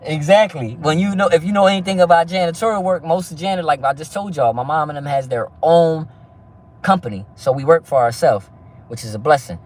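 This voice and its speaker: A fast-talking man in his thirties from New Jersey, chatting loosely on a live stream. His voice sits a little high for a man, and he peppers everything with street slang and "you feel me.". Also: darkish tone, distant mic. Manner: fast, loose street talk, constant "you know what I mean". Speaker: livestream host. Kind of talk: casual live-stream chat.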